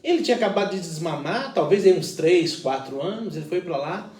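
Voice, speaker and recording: A man's voice: high-pitched, expressive, a little fast, a little mellow, roomy sound, distant mic. A man, a pastor, talking through a Bible reflection in an earnest, explanatory way with everyday examples.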